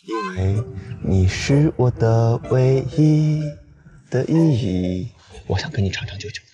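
A man's voice: mid-range voice, measured pace, dark tone, recorded from a distance, faint music behind, close to an everyday voice. An actor in his twenties playing a doting young company boss and playfully romantic husband in a drama. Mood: romantic, coaxing. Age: 20s.

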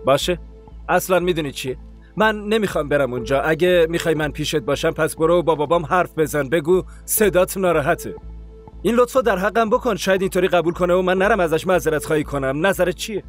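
An actor dubbing a young husband in a TV drama, accusing and bitter. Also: male voice, fairly high pitch, faint music behind, natural voice. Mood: sulky. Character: young husband, resentful and self-pitying. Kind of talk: dubbed TV drama dialogue.

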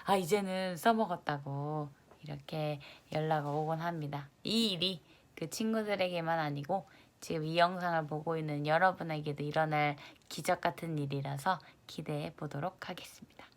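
A young woman teaching English in an online lesson, lively, stressing the English words loudly and acting out her students' reactions. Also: low-pitched, normal speed, hardly any pauses.

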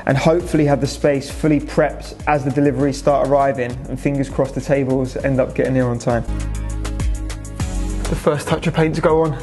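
With faint music behind him, a young man from England, the restaurant's owner, gives a casual, matter-of-fact vlog update on the renovation, speaking to a camera in a large indoor space. His medium-pitched voice is brisk and darkish, with fairly even intonation and lots of "so" and "obviously."

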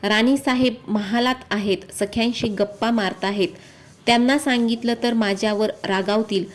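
A cautious, dutiful palace maid from a devotional folk tale, firing off quick questions, as a woman reader puts her on. Her voice is fairly high. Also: steady tone, close to an everyday voice. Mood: anxious.

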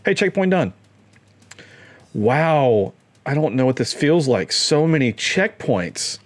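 A man's voice: medium pitch, sing-song, slow pace. A young man casually commenting on his gameplay, playful and given to mock-dramatic exclamations. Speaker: let's play gamer.

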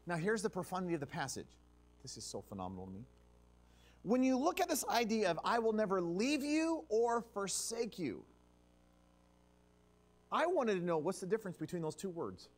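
A man preaching a revival sermon in a church, dropping to a hush and surging up again for emphasis. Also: sits high, moderate pace, long pauses. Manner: animated, drops to a hush and surges up for emphasis. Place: church sanctuary.

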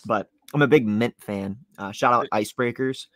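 A man's voice: lowish voice, normal speed, fairly bright tone, no room sound. A young man in his twenties co-hosting a sports podcast, rambling easygoing chat full of "like" and "you know". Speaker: podcast co-host.

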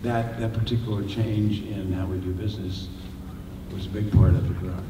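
An older man answering audience questions on a panel, halting with many fillers and restarts. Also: low voice, fairly even intonation. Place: large library hall with audience. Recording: echoey hall, distant mic, noisy.

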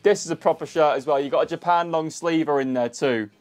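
An excitable man hosting a football shirt unboxing, often repeating himself as he reacts. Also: a little high, quick pace. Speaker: football shirt channel host.

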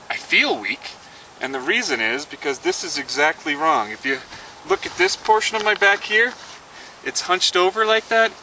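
Man, product demo pitch, very bright tense voice, a bit far from the mic, faint outdoor noise. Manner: earnest, demonstrative, talks through his movements. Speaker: inventor presenting his product.

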